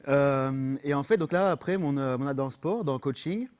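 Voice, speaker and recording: A man with a French accent talks as a radio guest in a studio. He explains things earnestly but haltingly, with plenty of fillers, and slips English words in when he reaches for a term. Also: medium pitch, a little mellow, clear, resonant tone. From France. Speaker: personal trainer, guest. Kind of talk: radio interview.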